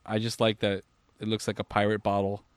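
Fast-talking tired man. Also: on the low side, monotone, clean tone, no room sound. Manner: profane, rapid rants with frequent fillers. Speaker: podcast co-host. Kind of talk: casual podcast chat.

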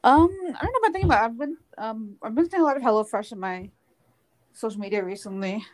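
Young woman, podcast co-host, rapid speech, giggly, casual chat. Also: on the high side, animated, darkish tone. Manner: quick, giggly, with fillers.

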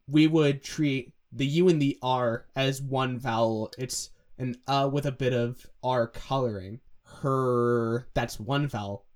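A young adult man with a mid-range voice co-hosts a music analysis show in a casual, analytical chat. He breaks down vocal diction, demonstrating the sounds to explain pronunciation.

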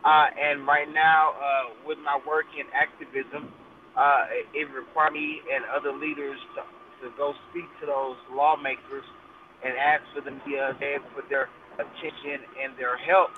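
A man's voice: a little high, level tone, normal speed, background noise. A man calling in as a guest on a car speakerphone while driving, talking conversationally with frequent 'uh' fillers and restarts. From Texas. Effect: car speakerphone call while driving. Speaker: guest, congressional candidate. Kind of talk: casual live interview. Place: moving car. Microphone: phone speakerphone. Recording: tinny phone line from a car.

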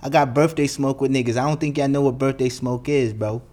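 Brief: heated, foul-mouthed young New guy, solo podcast host, mid-pitched voice. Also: fairly even intonation, brisk, a little mellow. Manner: profane, blunt, heated ranting.

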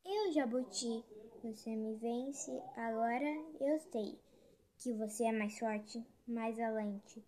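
A woman's voice: on the high side, slow, mellow. Caipora, a woman doing a boastful forest spirit.

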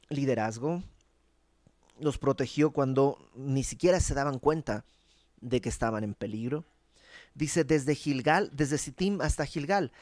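A man's voice: medium pitch, darkish tone, no room sound. A man preaching a sermon in a conversational, explanatory teaching manner.

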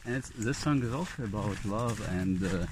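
A man's voice: lowish voice, moderate pace, background noise. A man in a casual walking chat, hesitant and searching for words.

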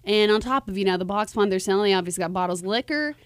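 A woman's voice: medium pitch, very fast, smooth, no echo, studio quality. A woman co-hosting a podcast, telling a casual, rambling story full of fillers. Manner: rambling, filler-heavy, laughs often. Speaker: podcast co-host.

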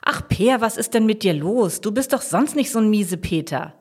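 A woman voicing an excited young girl in a children's storybook, gushing and bubbly. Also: mid-range voice, moderate pace, slightly rough, voice pushed up. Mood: chatty.

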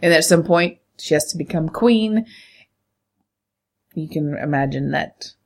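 Low-voiced woman with a stuffy nose. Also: expressive, measured pace. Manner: joking, blunt, swears freely. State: stuffy nose from a head cold. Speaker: podcast co-host. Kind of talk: casual banter and film chat.

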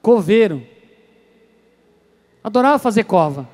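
High-voiced male preacher telling stories. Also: big pitch swings, measured pace. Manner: storytelling, acts out voices, swings between soft and loud. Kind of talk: sermon.

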